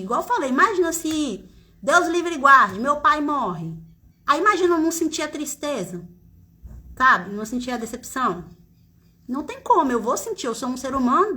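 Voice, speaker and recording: A woman with a Brazilian Portuguese accent, a confectioner talking casually to viewers on a live stream from indoors, into a phone camera, chatty, animated, with constant tag questions. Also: sits high. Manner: animated, dramatizes her own past despair. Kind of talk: casual motivational live chat.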